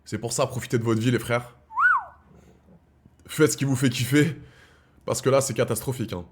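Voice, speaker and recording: A streamer in his thirties talks casually to his live-stream viewers, calling them his brothers, in slangy, rambling speech that swings from heated rants to quiet musing. His voice is medium-pitched at a moderate pace, with a little hiss or hum.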